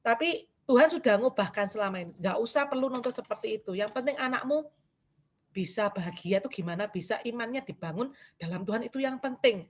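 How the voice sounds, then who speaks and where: A middle-aged woman gives a personal testimony. Her voice sits a little high, and she speaks candidly, dropping casual fillers as she talks. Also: animated, fairly quick. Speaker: church member giving testimony.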